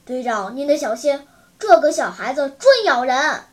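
A man's voice: very high voice, very animated, normal speed, voice pushed down. A narrator voicing a band of brutish guards who jeer at a boy and fawn over their captain. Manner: jeering, fawning. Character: fawning brutish male guards, adult.

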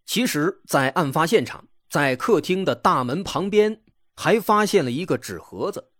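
A man's voice: fairly high pitch, lively intonation, normal speed, fairly bright tone, no room sound, studio quality. A man narrates true crime stories in a conversational, explanatory way, posing rhetorical questions.

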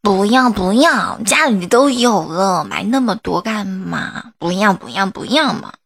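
A woman's voice: medium pitch, very animated, measured pace, vocal fry, breathy edge, full character voice. A woman acting a spoiled, babyish young woman who pouts and sobs dramatically in a comedy skit. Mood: pouty. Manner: babyish, pouting, sobbing dramatically.

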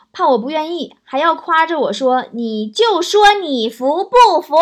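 High-voiced playful woman host. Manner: playful, teasing. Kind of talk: reading out listener messages with comic remarks.

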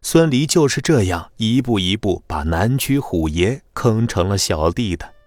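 A man narrating a web novel audiobook in a lively, dramatic storytelling manner. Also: on the low side, a little slow, no echo, soft background music.

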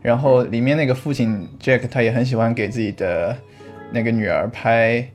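A man's voice: medium pitch, fairly even intonation, moderate pace, faint music behind. A man who is a guest on a podcast, explaining his topic in an easygoing way, thinking aloud with restarts and easy laughs. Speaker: podcast guest, vlog creator. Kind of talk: casual podcast chat.

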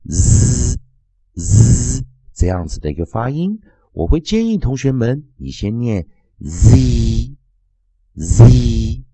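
A man teaching English phonics and drilling each sound slowly over and over. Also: fairly low pitch, dark tone, husky, dry recording. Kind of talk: phonics lesson.

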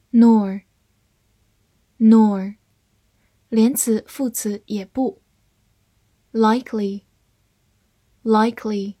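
A woman teaching English vocabulary in a scripted lesson, reading each word twice and then its meanings in an even voice. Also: medium pitch, breathy edge, dry recording.

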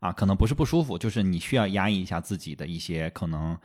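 A man hosting a casual podcast chat, eager and quick to agree, often repeating words as he goes. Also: sits low, animated, darkish tone. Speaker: podcast host.

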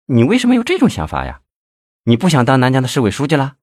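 Man voicing a coy young TV-host mistress, sharp tongue, lively pitch, storybook read. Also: no room sound, studio quality, natural voice. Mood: coquettish, teasing. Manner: coquettish, scolding, quick retorts.

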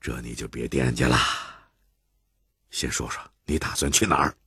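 A man with a Beijing accent voicing a stern, commanding older Beijing man who speaks slowly and scolds. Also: very deep voice, steady tone, fairly bright tone, slightly rough, no echo, studio quality, voice pushed down, heavily acted. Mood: calm.

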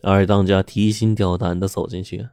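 A man with a low, mellow voice narrates a ghost story in a steady, suspenseful manner. The sound is close and dry. Faint music plays underneath. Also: moderate pace, no room sound.

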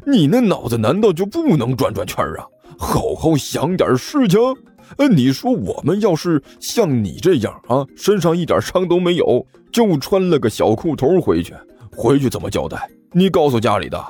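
A man voicing a bruised, grumpy older brother who scolds and stammers, with soft music behind. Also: a little high, slightly rough, voice pushed up, heavily acted. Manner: scolding, exasperated, stammering when flustered.

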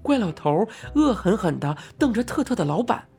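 A woman telling a storybook tale in an expressive way, her voice pitched in a middle range. Soft music plays faintly underneath. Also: normal speed, creaky. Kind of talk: storybook narration.

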